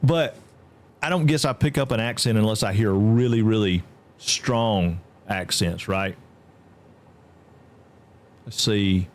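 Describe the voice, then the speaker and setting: A man's voice: slow pace, pauses often, slight background noise. Southern drawling man streaming a game. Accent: Southern US (Georgia). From Georgia, US. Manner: chatty, drawling, reads chat aloud, jumps high when excited. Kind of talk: casual live-stream chat.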